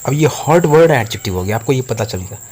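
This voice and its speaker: A man's voice: medium pitch, lively intonation, fast talker, darkish tone, slightly rough. A man teaching an English grammar lesson, explaining patiently step by step.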